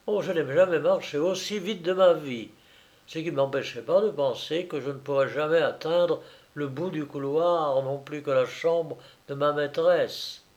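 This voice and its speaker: A man reading a novel aloud as an audiobook, in measured, suspenseful scripted narration. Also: on the high side, darkish tone, dull audio. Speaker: audiobook reader.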